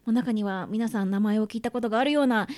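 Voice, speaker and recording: A woman's voice: a little high, fast talker, a little mellow. A young woman co-hosting a radio show, polite and eager, often agreeing as she chats. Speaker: radio co-host. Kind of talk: casual radio chat.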